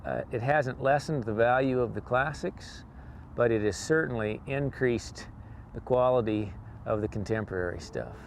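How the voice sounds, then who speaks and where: A man's voice: mid-range voice, moderate pace, creaky, a little hiss or hum. A mature man, a working cowboy and performer, talking reflectively in an interview. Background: music under the voice.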